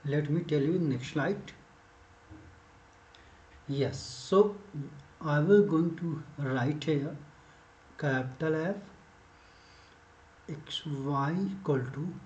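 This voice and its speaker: A man teaching a maths lesson step by step, dictating notation symbol by symbol in short, halting phrases. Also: fairly high pitch, a little mellow. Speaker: mathematics teacher. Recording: echoey room, dull muffled sound.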